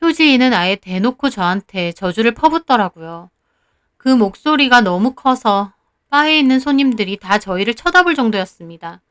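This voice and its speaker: A woman with a fairly high voice narrates her own story in the first person. Her telling is confiding and indignant, the steady pace of a spoken storybook. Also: normal speed, smooth, no echo, clean studio sound.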